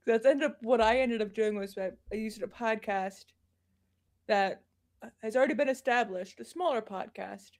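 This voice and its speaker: Relaxed higher-voiced woman podcast guest. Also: normal speed. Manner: relaxed, offering practical suggestions, casual swearing. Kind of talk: casual podcast chat.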